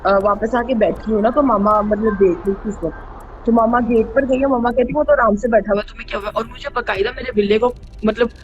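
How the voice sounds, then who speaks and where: The true ghost story show host talks fairly quickly, her fairly high voice keeping a fairly even intonation as she chats through personal stories with English phrases mixed in. Music runs under the dull, band-limited audio, which carries a little hiss or hum.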